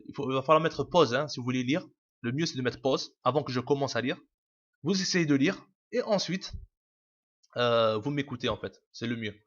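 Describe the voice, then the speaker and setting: A man teaching a casual video lesson, explaining patiently with many fillers, restarts and repeats. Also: medium pitch. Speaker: Arabic teacher. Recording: dull lo-fi home recording.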